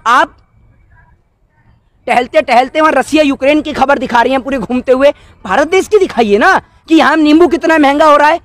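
Close-held handheld news mics surround a man in his 20s outdoors by a wall as he passionately argues about politics, posing indignant rhetorical questions. His voice is very high-pitched and fairly bright, at normal speed. There's no echo.

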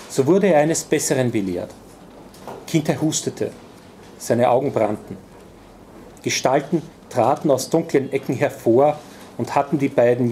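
Man, author, live reading of his fiction, measured, deliberate, warm low tone, faint ambience. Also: slight background noise. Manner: measured, calm, deliberate narration. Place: bookshop reading event, indoors.

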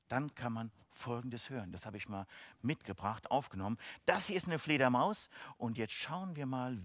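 A man giving a lively, playful science lecture for children, enthusiastic and speaking directly to the kids. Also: mid-range voice, no room sound. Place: university event, online stream.

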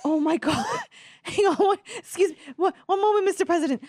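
A woman's voice: very high voice, a little fast, a little mellow, no echo, studio quality. A woman playing a flustered sandwich-shop clerk who fawns over customers in an improvised comedy bit. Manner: fawning, flustered, gushing.

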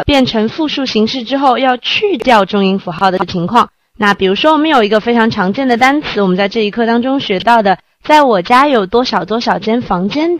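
A woman teaching a recorded Spanish lesson in a lively, coaxing way, often asking the class rhetorical questions. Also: fairly high pitch, no room sound.

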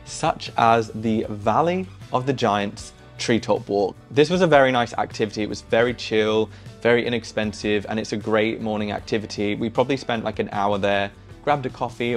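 Chatty and full of fillers, a young travel vlogger with a lowish voice offers upbeat travel recommendations to camera, seated in a small living room. He talks fairly quickly in an easygoing way, over soft background music.

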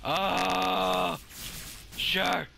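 A sick, hoarse man giving swearing, excitable let's-play commentary and shouting at the game. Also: high voice, drawn-out words. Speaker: gaming YouTuber.

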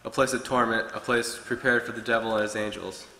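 This young adult man preaches a short sermon from a pulpit, reading his notes with earnest intent. His lowish voice is brisk, bright and forceful, holding a steady tone. Long reverb fills the echoey, wood-paneled church hall.

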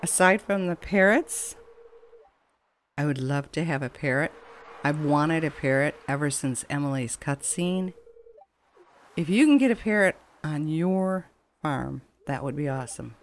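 There's a little hiss or hum on this recording of a gaming channel host, whose deep, expressive voice moves a little slowly. She voices over game footage with game music playing, chatting casually and rambling through a let's play.

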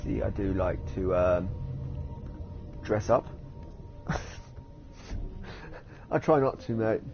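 A man's voice: lowish voice, measured pace, vocal fry, over music. A man from the UK giving rambling, giggly casual commentary while streaming a game. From United Kingdom. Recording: dull lo-fi streaming audio.

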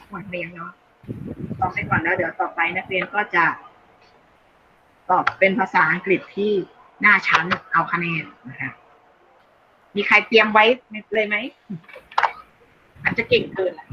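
A woman teaching an English class online, explaining slowly in Thai and reading English phrases aloud. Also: fairly low pitch. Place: online video call. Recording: dull lo-fi call audio, faint noise.

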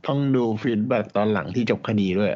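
A man's voice: fairly low pitch, expressive, fast, a little mellow, highs cut off. A man co-hosting a casual podcast chat, making blunt short remarks. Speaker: podcast co-host.

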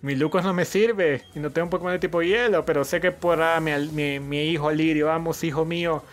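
A man's voice: fairly high pitch, a little fast, soft background music. A young man giving casual let's-play commentary as the host of a gaming channel, cheering his team on, thinking aloud and swearing often.

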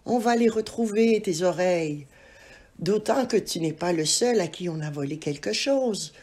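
A woman voicing a caring young woman in a children's storybook, gentle and coaxing. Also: fairly low pitch, lively intonation, moderate pace. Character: caring young woman comforting her partner. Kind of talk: storybook reading.

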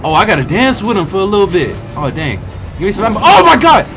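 A young American man giving excitable, trash-talking commentary while he plays a video game. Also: high voice, quick pace, slight background noise. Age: young adult. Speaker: gaming video host. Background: game music and sounds.

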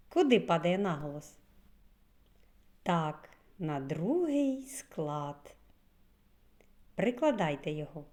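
A woman preschool teacher giving a lesson to small children, saying words slowly with clear stress. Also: lowish voice, mellow.

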